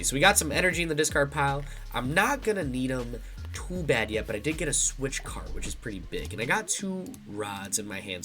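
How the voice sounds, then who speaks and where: A young man with a stuffy, somewhat nasal voice thinks out loud casually as he commentates his own card game match live. His pitch is mid-range and his tone fairly bright.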